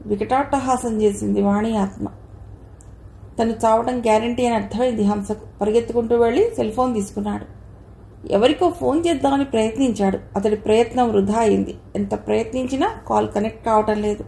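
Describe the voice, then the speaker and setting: Brief: woman audiobook narrator, horror novel, fairly high voice with a gravelly edge, roomy echo. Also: brisk. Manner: even storytelling read. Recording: echoey room.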